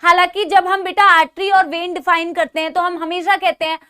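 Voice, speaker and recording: A woman's voice: extremely high pitch, little pitch movement, fairly quick, sharp tone. A woman teaching a biology class online, chatty and talking to her students as her kids.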